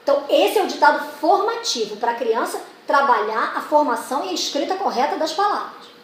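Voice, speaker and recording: High-voiced woman teaching in an echoey room. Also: sing-song, brisk. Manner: explains patiently with many examples, acts out classroom questions. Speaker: literacy teacher trainer. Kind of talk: explanatory lesson. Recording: echoey room with faint noise.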